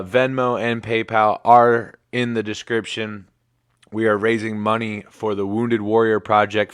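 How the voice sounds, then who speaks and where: A man's voice: on the low side, clear, resonant tone, dry recording, clean studio sound. A man in his thirties hosting a casual livestream sports show, laid-back and rambling with plenty of fillers. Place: home in Michigan.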